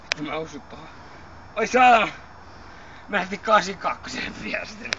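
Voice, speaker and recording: A drunk young man rambling, slurring and cursing constantly, with sudden shouted outbursts, filmed casually by a friend. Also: on the high side, lively intonation, far from the mic. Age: young adult. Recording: lo-fi noisy home video.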